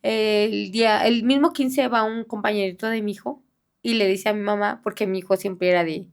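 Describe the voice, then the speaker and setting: A middle-aged woman speaking in a halting, soft-spoken way, with many fillers and restarts, as a bereaved mother giving an interview. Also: mid-range voice, fairly even intonation, gravelly, clear, resonant tone. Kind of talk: personal testimony in an interview.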